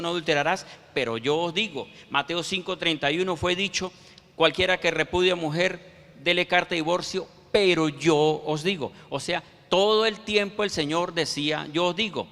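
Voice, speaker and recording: A man preaching a sermon, quoting scripture verses with slow, emphatic pauses. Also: a little high, a bit bright. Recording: reverberant hall.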